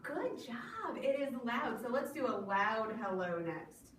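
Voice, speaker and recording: Slow, sing-song storytime librarian woman. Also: on the high side. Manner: animated, encouraging, exaggerated sing-song delivery. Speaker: children's librarian leading storytime. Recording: echoey room from far off, audible noise.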